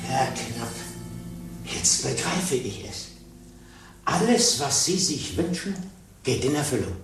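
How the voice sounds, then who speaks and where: A man's voice: mid-range voice, big pitch swings, slow pace, music in the background. An actor playing a nervous, stammering man from modern times who is stranded in the Middle Ages, in an old radio play. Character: flustered modern judicial councillor Müller, stranded in 1500. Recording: roomy, distant old radio recording.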